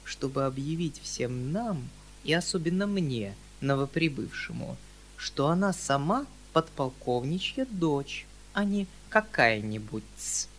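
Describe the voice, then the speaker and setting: Bright-voiced male audiobook narrator. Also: on the high side, lively intonation, slow pace, a little hiss or hum. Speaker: audiobook reader.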